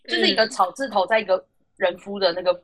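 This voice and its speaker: A woman's voice: mid-range voice, quick pace. A woman with a Taiwanese Mandarin accent hosting a podcast, telling work stories in casual chat and acting out the people in them. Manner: animated, acts out the voices of customers and friends. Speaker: podcast host.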